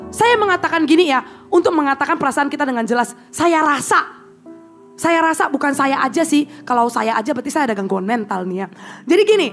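A woman delivers a chatty, conversational sermon in a strikingly high voice. She breaks off into playful asides to her listeners and slips into pleading tones when she acts out prayers. Soft music plays faintly underneath. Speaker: preacher.

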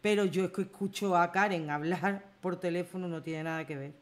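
A woman's voice: on the low side, a little fast. Teasing woman hosting a livestream. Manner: lively, teasing, exclaims and laughs. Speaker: host of a live stream. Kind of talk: casual live-stream chat.

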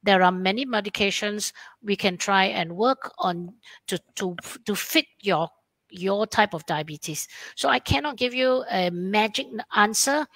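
A woman's voice: mid-range voice, animated, unhurried, a bit bright, no echo. A woman endocrinologist with a Malaysian English accent answers webinar questions, explaining plainly and acting out what her patients say.

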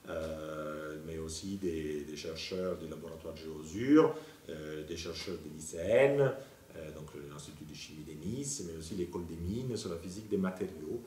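A man, thoughtful and explanatory, pausing now and then to find his words. His voice sits low, and the recording carries the echo of an office lined with bookshelves, picked up from a distance off the mic. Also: mellow. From Italy. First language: Italian. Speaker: planetary scientist. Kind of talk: interview monologue. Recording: roomy, from off-mic.

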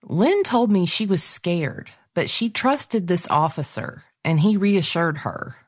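A woman hosting and narrating a true crime show in a measured, scripted delivery. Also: lowish voice, lively intonation, dry recording, clean studio sound. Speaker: host, narrator.

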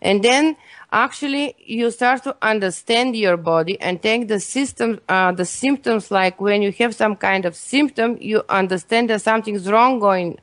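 A woman's voice: medium pitch, normal speed, dry recording. Woman with a Bulgarian accent explaining. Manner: explains in non-native English grammar, earnest. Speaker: guest health expert. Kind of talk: interview answers.

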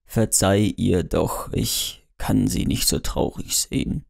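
A man voicing a brisk, bossy male travel companion in an audiobook, talking in a hurried, chiding way. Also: lowish voice, gravelly, warm tone. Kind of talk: audiobook character voice.

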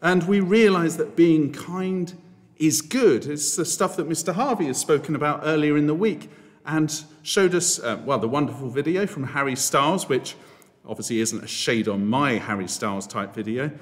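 A priest giving a playful, jokey school assembly talk and asking the children questions. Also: male voice, fairly high pitch, normal speed. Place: church. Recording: reverberant church.

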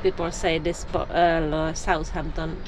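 Woman trucker in her 40s chatting slow from the cab, loud engine rumble behind her. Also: little pitch movement. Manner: slow, thinking aloud with fillers and restarts. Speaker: truck driver vlogger. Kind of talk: casual vlog narration. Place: truck cab and outdoors at a port. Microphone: camera mounted in the cab. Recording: loud engine and road noise.

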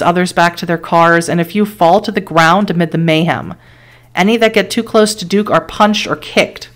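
A woman with a fairly low voice streams herself reading an interactive horror story out loud. She carries the narration in an even storytelling tone, then drops into quick surprised reactions and light laughs as she talks through her options. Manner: steady storytelling read broken by quick surprised asides; laughs between lines and weighs choices aloud. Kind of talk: reading interactive horror fiction aloud with live commentary.

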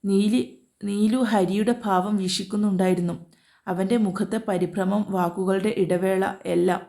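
A woman reading a romance story aloud at an even, gentle pace. Her voice is mellow and warm, and her delivery is calm and steady. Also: medium pitch, normal speed, vocal fry. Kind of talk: scripted narration.

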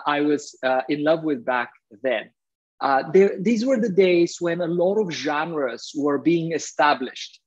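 A middle-aged man from Bulgaria gives a friendly, earnest talk over a video call, often pausing on "uh" fillers. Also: a little high, husky. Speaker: guest speaker, entrepreneur. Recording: dull, lo-fi video call audio.

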